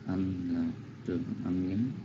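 A man reciting a Pali verse and explaining its syllable lengths in a slow, careful, deferential manner over an online call. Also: deep voice, level tone. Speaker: student reciting scripture. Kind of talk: chanting and analyzing a Pali verse. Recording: dull online call audio with loud noise.

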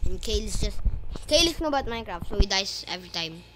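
A young female host chatting excitedly through a Minecraft let's play and teasing her brother. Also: medium pitch, fast talker. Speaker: gaming channel host. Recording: noisy background.

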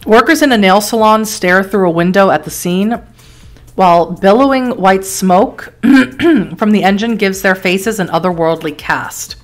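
A woman streamer reading an interactive horror story aloud, with quick surprised asides and laughs as she weighs each choice. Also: mid-range voice, soft background music.

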